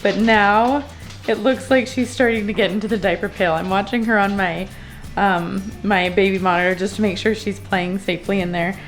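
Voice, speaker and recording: A woman in her twenties, a family vlogger, chatting casually to camera and sometimes lifting into a high sing-song voice for her toddler. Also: fairly even intonation, moderate pace. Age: 20s. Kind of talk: casual vlog chat. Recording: roomy home recording with faint music.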